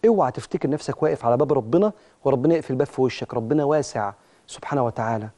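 A man's voice: mid-range voice, racing, mellow. A man with an Egyptian accent hosting a religious motivational talk show, preaching emphatically and speaking straight to his listeners.

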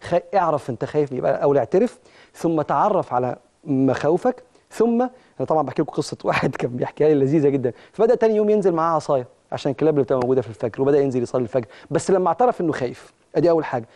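Man, Egyptian accent, talk show host, religious motivational talk, emphatic, dark tone. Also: fairly high pitch, lively intonation, racing. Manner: preachy, emphatic, addresses listeners directly.

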